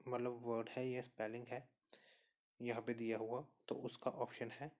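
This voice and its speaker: A man's voice: mid-range voice, moderate pace. A man teaching an exam prep lesson, working through spelling questions one by one and often checking back with "okay". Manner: steady explainer, repeats answers and says "okay" often. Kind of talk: spoken lesson walking through quiz answers.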